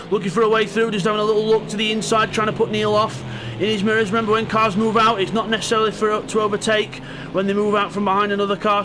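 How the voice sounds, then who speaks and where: A man's voice: high voice, background noise. A man giving live play-by-play motorsport commentary on an online sim racing event. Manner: play-by-play calling of the on-track action.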